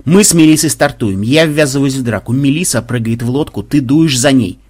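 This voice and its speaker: A man's voice: mid-range voice, a little fast, darkish tone, husky, close to an everyday voice. A man voicing a stern male squad leader who gives clipped, commanding orders.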